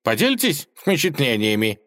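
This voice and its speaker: Male reader playing pince-nez scientist cat, high and enthusiastic. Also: big pitch swings, moderate pace, a bit bright. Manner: enthusiastic, lecturing.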